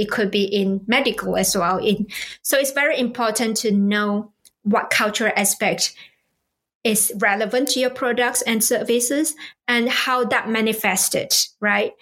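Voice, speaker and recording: A woman's voice: fairly high pitch, moderate pace, a bit bright. A woman from Malaysia, a guest speaker explaining cultural ideas in a conversational way, with rhetorical questions and many fillers. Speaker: guest expert on cross-cultural business.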